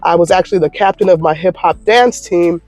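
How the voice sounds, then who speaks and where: Speaking fairly quickly in a fairly low, darkish voice, a thirtysomething woman from Michigan answers questions in a casual vlog. The YouTuber records from her car parked in a lot, staying upbeat and encouraging over soft background music.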